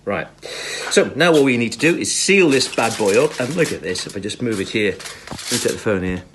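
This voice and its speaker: A British man with a mid-pitched voice chats casually as he cooks at home. He is enthusiastic and chirpy, often tacking little questions onto his remarks. There is clear kitchen noise behind him on the phone recording. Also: expressive, a little fast. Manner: chirpy, enthusiastic, full of tag questions and asides. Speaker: home cook presenting a recipe video. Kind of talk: casual chat while cooking.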